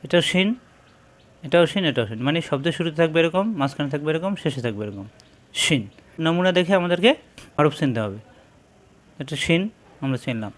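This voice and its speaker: A man with a Bangladeshi Bengali accent teaching Arabic letters, sounding out each syllable slowly and repeating it in drills. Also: on the high side, animated. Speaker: Quran reading teacher. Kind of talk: slow spelled-out recitation lesson.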